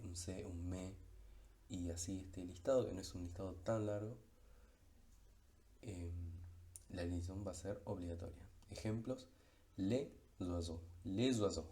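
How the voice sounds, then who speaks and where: A man gives a recorded lesson in a low, warm voice. He explains each example patiently and says the key words slowly. His delivery is unhurried, with frequent pauses and small fillers. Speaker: French teacher.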